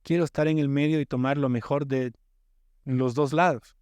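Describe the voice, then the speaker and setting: A man's voice: medium pitch, steady tone, normal speed, a little mellow, clear, resonant tone, no echo, studio quality. A man from the Ecuadorian coast, a music producer talking as a podcast guest in an emphatic, explanatory way, often repeating words as he starts. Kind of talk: casual podcast chat.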